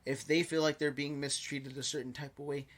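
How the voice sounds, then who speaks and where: A man's voice: fairly high pitch, little pitch movement, fairly quick, a bit bright. A man chatting casually as a podcast co-host, slangy and swearing often, repeating phrases for emphasis. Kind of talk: casual chat.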